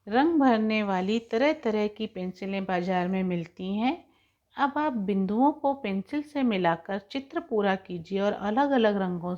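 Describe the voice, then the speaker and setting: A woman teaching young children in an online class lesson, explaining each point slowly and patiently. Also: medium pitch, darkish tone, muffled recording. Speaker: school teacher.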